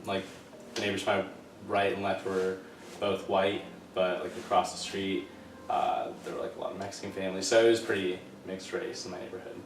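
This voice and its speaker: A man in his twenties from Southern California, answering interview questions in a measured, thoughtful way. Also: deep voice, little pitch movement, noisy background. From Southern California, USA. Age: 20s. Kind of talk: casual interview. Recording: roomy sound from a distant mic with music.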